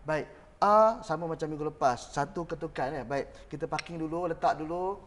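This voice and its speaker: A man's voice: on the high side, moderate pace, a bit bright, long reverb tail. A man with a Malaysian Malay accent teaching a Quran reading class, counting beats aloud and drilling his students in call and response. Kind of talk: demonstrating a lesson on camera.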